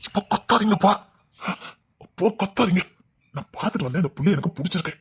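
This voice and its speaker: A man's voice: high voice, expressive, fast talker, slightly rough, full character voice. A young man acting a proud village son who earnestly pleads with his parents, in a family drama.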